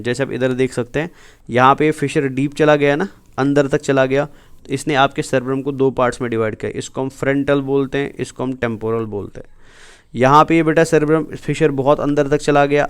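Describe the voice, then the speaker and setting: A man gives an exam-prep biology lecture over slides, repeatedly asking questions and answering them himself while mixing in English terms and calling students "beta". His voice is medium in pitch, clear and resonant.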